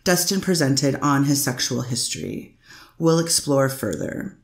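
Pressing a witness with leading questions, a woman defense attorney conducts a cross-examination in a courtroom. She has a bass voice with lively intonation and an unhurried delivery, captured in an echoey courtroom recording.

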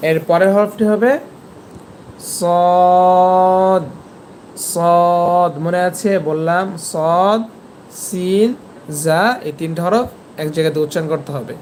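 Over a video call, a Quran teacher gives an online lesson, patiently explaining where each letter is pronounced and slowly repeating the sounds. The voice is medium-pitched, with slight background noise.

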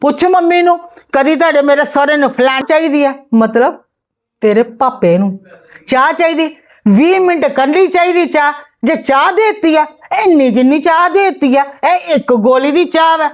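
A woman's voice: sits high, normal speed, natural voice. A woman playing an overworked daughter-in-law who lectures and complains at her husband's sister in a family skit. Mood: indignant. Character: overworked, fed-up young wife arguing with her in-laws.

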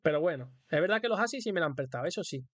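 A man's voice: a little high, lively intonation, racing, dry recording. A man with a Spain Spanish accent giving playful, singsong, crude live commentary as a streamer while he plays a game.

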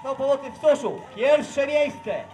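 An event announcer with a very high voice calls out competition results through a megaphone, the sound echoing like a loudspeaker while music plays behind him. He reads names slowly and formally with lively intonation and keeps asking for attention.

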